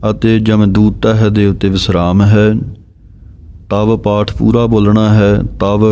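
A man giving a pronunciation lesson on scripture, reciting verses slowly and deliberately and spelling out letters and vowel marks. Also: fairly low pitch, warm tone, slight background noise.

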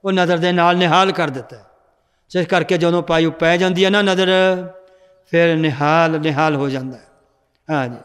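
A male religious teacher explains verses and tells stories to his class. His voice is high and smooth, with a resonant clarity. A long reverb rings through the hall around him. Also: fairly even intonation, moderate pace, fairly bright tone. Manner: explanatory, storytelling, corrects students' recitation. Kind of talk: scripture lesson with storytelling.

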